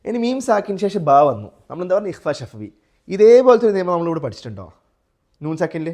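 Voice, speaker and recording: A Malayali man leads a live tajweed class in a fairly high voice. He keeps asking his students questions and breaks into slow, drawn-out chanting of example verses. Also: sing-song, a little mellow. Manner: asks students questions, then chants Quran examples slowly. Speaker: tajweed teacher.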